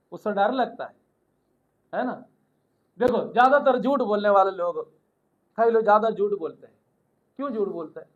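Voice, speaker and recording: A male pastor preaching a sermon with call and response, building to shouts of hallelujah. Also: very high-pitched, dull audio.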